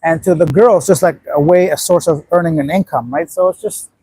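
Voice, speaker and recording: Reading viewer comments aloud, an Afghan livestream host in his late thirties chats casually and bluntly, wandering from point to point. His fairly high voice is brisk, mellow, and husky, captured in a dry recording of poor quality.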